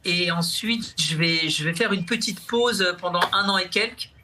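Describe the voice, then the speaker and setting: A young French comedian appears as a guest in a TV studio talk show, his voice high, bright, and forceful. He speaks casually but haltingly, restarting sentences, repeating words, and laughing often.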